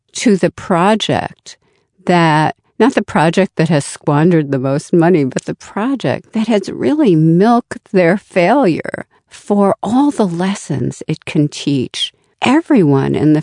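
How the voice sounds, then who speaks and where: Slow, deliberate woman guest. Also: lowish voice, mellow, no echo, studio quality. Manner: slow, deliberate, acts out inner voices. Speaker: guest expert. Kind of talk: interview answers.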